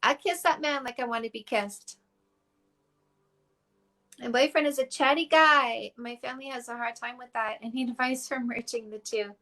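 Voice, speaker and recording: A woman from Canada coaching viewers on dating during a phone livestream, talking bluntly and frankly and swearing casually. Her voice sits high. She reads out questions and answers them straight away. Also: fairly even intonation, normal speed, pushed and bright.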